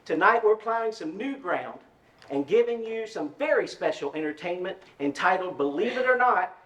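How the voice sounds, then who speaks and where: A folksy 1950s lodge emcee. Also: male voice, sits high, expressive, normal speed, a bit bright, reverberant, rough recording. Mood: hearty. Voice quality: folksy, showman-like. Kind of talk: radio drama acting.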